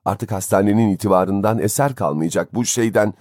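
A man's voice: on the low side, brisk, darkish tone, dry recording, studio quality, natural voice. A man voicing a stern, disdainful woman nurse who speaks coldly. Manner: cold, stern.

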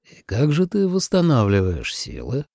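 A man voicing a calm, patient young male god who speaks in a subdued, measured way. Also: medium pitch, no room sound, clean studio sound.

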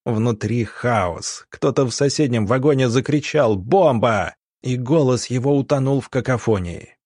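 A male audiobook narrator reads with a dramatic, measured delivery. His voice sits at a medium pitch, and the recording is dry and close, with no room sound. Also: a little mellow, dry recording.

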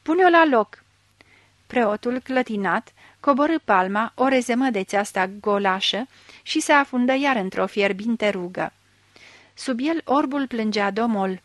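A woman narrating a literary story in a measured, expressive reading voice. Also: on the high side, dry recording. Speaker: audiobook reader.

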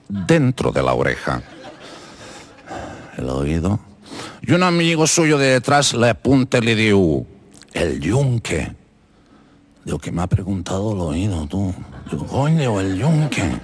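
A man's voice: low voice, very animated, measured pace, long pauses. A man with a Catalan accent telling jokes, acting out every part himself and mixing in Catalan words. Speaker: joke teller.

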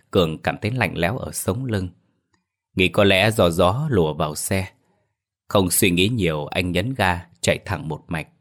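Deep-voiced male storyteller. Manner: steady, dramatic storytelling. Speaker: narrator. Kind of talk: storytelling narration.

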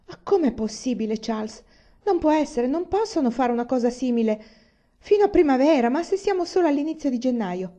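A woman's voice: sits high, expressive, fairly quick, warm tone, pitched above the performer's own voice. A woman voicing an anxious pioneer mother who speaks emphatically, in a slightly muffled recording. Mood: dismayed. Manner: emphatic, exclaiming.

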